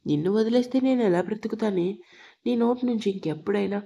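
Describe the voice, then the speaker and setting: A woman's voice: medium pitch, quick pace, creaky, mellow, husky. A woman voicing a hot-tempered young husband who sternly protects his wife.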